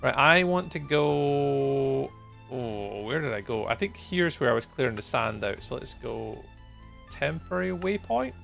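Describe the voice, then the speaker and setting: A Scottish man in his forties streams a game and chats casually with live viewers, rambling good-humouredly with frequent ums and chuckles. His medium-pitched voice is gravelly and fairly bright, with lively intonation and a measured pace. Soft music plays in the background.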